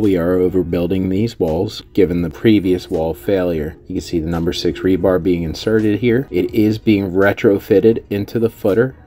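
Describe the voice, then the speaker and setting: A contractor reads a scripted, instructional narration about his company's repair work, keeping it technical and matter-of-fact. His voice is low and warm.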